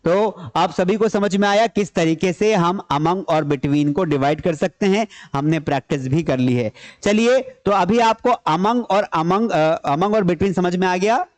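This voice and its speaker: Speaking a little slowly in a high-pitched voice, a male grammar teacher lectures his class in Hindi blended with English terms. He keeps repeating the key points and answers the questions he poses.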